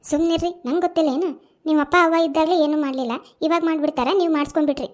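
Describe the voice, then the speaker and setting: A woman's voice: high voice, steady tone, very fast, lightly acted. A woman voicing a quarrelsome young daughter-in-law in a cartoon, with a North Karnataka accent and a taunting, indignant way of talking. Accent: North Karnataka Kannada. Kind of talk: cartoon voice acting.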